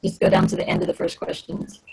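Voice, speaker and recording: A woman teaching a class over a video call, her voice cutting out on a choppy internet connection, prompting students briskly. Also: warm tone, rough recording. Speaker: Spanish teacher.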